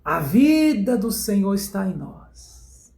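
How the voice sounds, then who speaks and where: Gravelly high-voiced preacher. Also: male voice, very animated, a little mellow. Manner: dramatic storytelling, slow emphatic phrasing. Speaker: Bible study teacher. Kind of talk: sermon-like Bible teaching.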